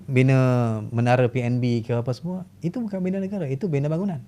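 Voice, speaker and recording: A Malaysian man speaks as a historian guest on a podcast. His pitch sits in the middle range and his delivery is quick. He poses questions and then answers them himself. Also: fairly even intonation, mellow. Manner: fast, explanatory, asks and answers own questions. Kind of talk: podcast interview.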